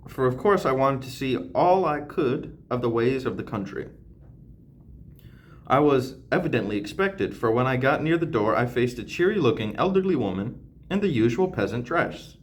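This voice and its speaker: A young man reads a classic novel aloud, stopping often for slangy jokes and laughter. His voice swings lively up and down around a middle pitch. It sounds casual and unpolished, like a home reading video. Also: moderate pace, slight background noise. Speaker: channel host.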